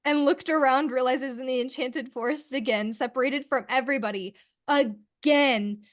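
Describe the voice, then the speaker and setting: Young woman podcast co-host, casual and wry, voice sits a little high. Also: steady tone, moderate pace. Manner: wry, laughs at own story, swears. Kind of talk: casual storytelling chat.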